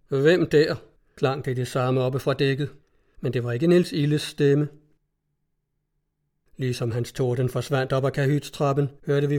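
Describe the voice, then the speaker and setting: A man reading a story aloud in a steady, measured narration. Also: mid-range voice. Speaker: audiobook narrator.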